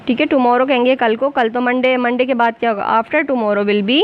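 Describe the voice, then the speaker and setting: A woman with an Urdu accent teaching a basic English lesson to beginners. She speaks slowly and patiently, spelling words out letter by letter. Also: fairly high pitch, fairly even intonation, highs cut off.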